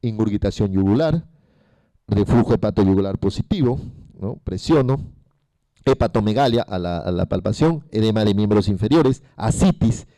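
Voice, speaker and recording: A man's voice: fairly low pitch, animated, normal speed, mellow, no echo. A man giving a medical lecture to a class, asking the students questions and repeating the key terms. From Peru.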